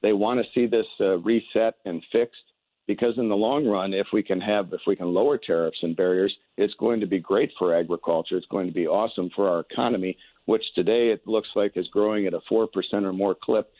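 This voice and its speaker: Man, American accent, fairly low pitch, political interviewee, folksy stump phrasing, narrow phone-line sound. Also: steady tone, brisk, no echo. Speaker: political candidate, radio guest. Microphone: telephone.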